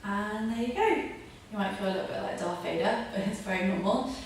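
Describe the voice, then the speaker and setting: A woman's voice: mid-range voice, a little fast. A woman teaching a yoga breathing tutorial, giving informal step-by-step spoken instructions. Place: echoey room, mic at a distance. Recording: very echoey room, distant mic, faint noise.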